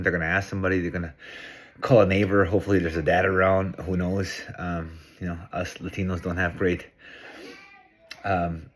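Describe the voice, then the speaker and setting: A middle-aged man from Peru, talking to camera in a casual, earnest, reflective monologue. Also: sits low. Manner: earnest, reflective, thinking aloud. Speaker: vlogger.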